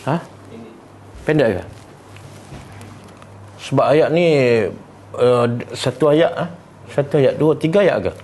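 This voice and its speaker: A middle-aged man with a Malaysian Malay accent teaching a Quran study class, often quizzing his students with short questions and reciting verses slowly. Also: mid-range voice, darkish tone. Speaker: religious teacher.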